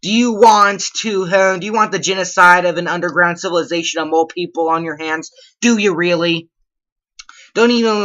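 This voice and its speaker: A man's voice: high-pitched, sharp tone, lo-fi sound. A man hosting a comedy vlog, reading out his own school report as a rambling, sarcastic rant full of mock outrage. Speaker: comedy vlogger.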